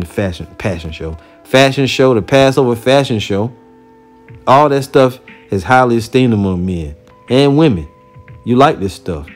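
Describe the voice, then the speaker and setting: A man giving an informal preaching commentary, blunt and heated with casual profanity, who reads scripture aloud slowly and deliberately. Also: mid-range voice, darkish tone. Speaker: religious teacher reacting to a video.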